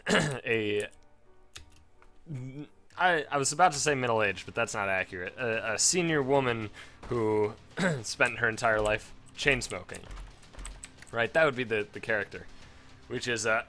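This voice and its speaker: A man's voice: lowish voice, moderate pace, bright, forceful tone, faint music behind. A man doing casual, crude gameplay commentary, rambling between topics, his voice strained and failing.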